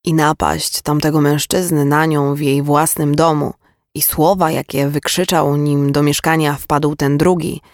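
A man narrating a novel as an audiobook, with a steady, even storytelling manner. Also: on the high side, unhurried, no echo, clean studio sound. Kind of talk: scripted narration.

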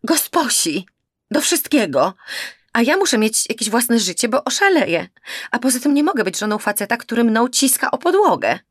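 A woman's voice: medium pitch, animated, moderate pace, vocal fry, no echo, studio quality, voice pushed up. A woman voicing an agitated, exasperated young woman in an audiobook, pleading and raising her voice. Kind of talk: audiobook character voice.

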